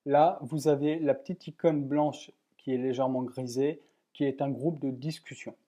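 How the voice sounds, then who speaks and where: Man calmly explaining a software demo. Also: mid-range voice, moderate pace. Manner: plain, methodical explaining with frequent "voilà" and fillers. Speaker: software tutorial presenter. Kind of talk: screen-recorded software tutorial.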